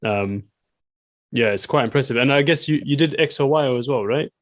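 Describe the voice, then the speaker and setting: A man's voice: medium pitch, fairly quick, no room sound. Chatty man, dry close sound. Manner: chatty, repeats "do you know what I mean". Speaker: podcast co-host. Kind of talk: casual interview chat.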